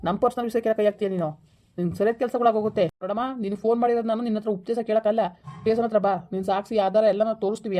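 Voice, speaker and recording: A woman's voice: mid-range voice, dark tone, close to an everyday voice. A woman voicing a stern, bullying male police officer who scolds and threatens a village wife over the phone in a comedy skit.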